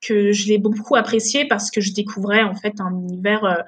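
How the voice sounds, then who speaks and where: A woman's voice: mid-range voice, fairly even intonation, brisk, husky. A woman in her late twenties, from Togo and raised in Benin, talking as a podcast guest with many fillers and restarts. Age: late 20s. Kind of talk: casual podcast interview.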